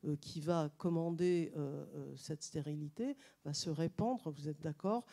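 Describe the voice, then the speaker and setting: Gravelly-voiced woman speaking on stage. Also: deep voice, a little slow. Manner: hesitant, with many fillers and restarts, then lively and joking. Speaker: journalist and author on a panel. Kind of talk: public talk to a live audience. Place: stage at a public science event.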